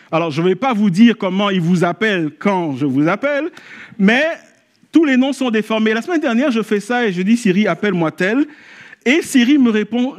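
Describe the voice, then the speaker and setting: A man preaching a sermon at a church service, telling a story and rising to animated exclamations. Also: high voice. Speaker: pastor.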